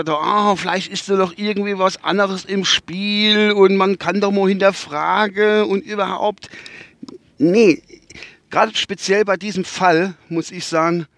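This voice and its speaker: Slightly high-pitched for a man, a Westphalian-accented podcast host talks casually from inside a moving car, rambling, hunting for words and restarting sentences amid plenty of fillers and the odd casual swear. The tone is fairly bright and the recording dry.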